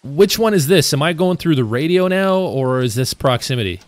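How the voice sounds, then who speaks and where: A man hosting a casual gaming stream with friends, talking in an excitable, joking way. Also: a little high, fairly quick. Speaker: streamer host.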